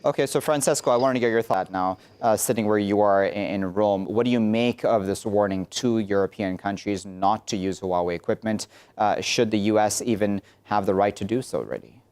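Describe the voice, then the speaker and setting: Man, news panel host, low voice, fillers and restarts. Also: normal speed, darkish tone, clean tone. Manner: hesitant, many fillers and restarts. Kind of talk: moderating a panel discussion.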